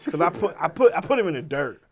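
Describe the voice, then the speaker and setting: Male guest in his 40s, slightly high voice, animated profane storyteller, loud-to-quiet swings. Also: quick pace. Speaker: rapper guest.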